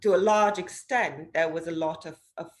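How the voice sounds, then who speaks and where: A woman in her forties, originally from Romania, answers interview questions in a fairly low voice. She thinks aloud, pausing often with fillers and restarting her sentences. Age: 40s. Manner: hesitant, many fillers and restarts. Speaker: interview guest, social investor. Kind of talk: thoughtful conversational interview.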